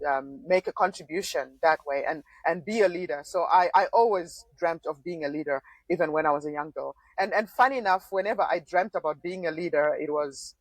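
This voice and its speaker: Her voice sits low on a dry, rough recording. A woman in her forties from Zimbabwe who once ran for office, she tells her story in a conversational podcast interview, thoughtful and prone to small laughs and frequent restarts.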